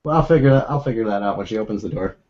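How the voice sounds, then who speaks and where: A man's voice: on the low side, animated, racing, a little mellow, highs cut off. A young man hosting a casual video call chat, rambling and laughing often as he talks from a room at home. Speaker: host. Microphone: own desk microphone.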